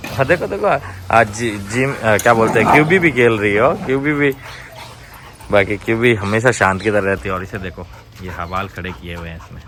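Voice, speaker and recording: A man working as a dog trainer talks casually to the camera at a dog hostel, often breaking off to shout firm orders and gentle coaxing at the dogs. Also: on the low side, moderate pace, heavy background noise. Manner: commanding and coaxing dogs, often rising sharply.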